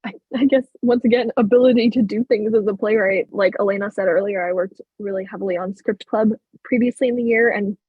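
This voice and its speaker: Woman, husky voice, dull audio. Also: mid-range voice, fairly even intonation, fairly quick, few pauses, no room sound. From Illinois, USA. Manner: rambling, lots of fillers and restarts. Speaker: theater apprentice, playwright. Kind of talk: casual panel chat.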